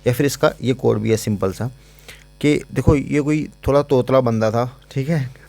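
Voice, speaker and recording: Chatty Hindi-speaking exam tutor. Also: male voice, medium pitch, normal speed, creaky, a little mellow. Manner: chatty, explains with memory codes and repetition. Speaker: exam-prep teacher. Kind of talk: casual recorded lecture.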